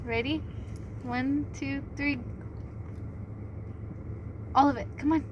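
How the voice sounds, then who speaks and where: High-pitched coaxing mom over loud noise. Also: female voice, steady tone, takes it slowly, dull audio. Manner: coaxing, encouraging. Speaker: mother coaxing her children. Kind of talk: casual family chat.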